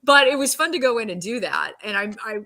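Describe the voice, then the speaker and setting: Bright, animated woman telling a story. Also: fairly high pitch, fast. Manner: animated, laughs often, acts out quotes. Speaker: actress, podcast guest. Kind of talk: casual anecdote telling.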